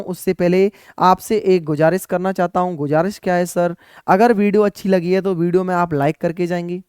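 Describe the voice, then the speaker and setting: A man's voice: sits high, clean tone, no echo, studio quality. A man, giving earnest, repetitive study advice as an exam coaching teacher.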